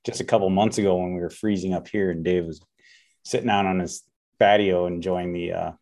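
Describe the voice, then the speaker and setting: Deep-voiced American man in casual chat. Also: fairly even intonation, a little fast, darkish tone. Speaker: podcast co-host.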